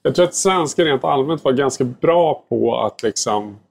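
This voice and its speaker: Male pastry chef guest, relaxed rambling talker, casual swearing. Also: mid-range voice, vocal fry. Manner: relaxed, rambling, heavy filler words and mild swearing. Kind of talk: casual podcast chat.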